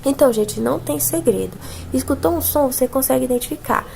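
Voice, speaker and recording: A woman's voice: high voice, fast talker, creaky, mellow, slight background noise. A Brazilian woman teaching a casual music theory lesson, explaining patiently and singing notes and imitating sounds to show them. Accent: Brazilian Portuguese.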